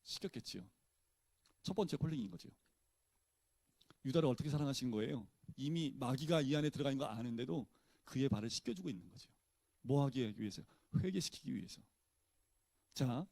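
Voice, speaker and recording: A man's voice: medium pitch, lively intonation, fairly quick, vocal fry, pauses often, dark tone, no room sound. A male pastor teaching a Bible study in a casual, conversational way, often posing questions to his listeners and answering them himself.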